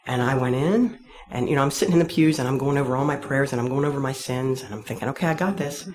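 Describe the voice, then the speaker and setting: A woman's voice: a bass voice, fast, darkish tone. Woman telling a candid faith story. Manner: candid, wry storytelling with self-deprecating humor. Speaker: speaker sharing a personal faith story. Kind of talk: personal testimony told to an audience.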